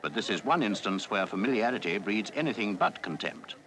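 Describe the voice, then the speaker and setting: A man's voice: lowish voice, expressive, a little fast, pushed and bright. A man giving jaunty, chatty commentary as a 1948 newsreel voice-over. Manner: jaunty, chatty tour-guide delivery. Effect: old newsreel voice-over.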